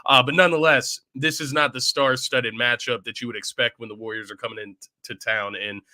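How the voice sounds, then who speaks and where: A man hosts a casual pregame sports show with a bright, forceful voice that is audibly congested. He talks in a loose, chatty way and keeps checking in with his listeners. The sound is close and dry, with no room around it. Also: medium pitch, fairly even intonation, fairly quick, no room sound. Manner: chatty, often tags lines with "right?". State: congested from illness. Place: at home.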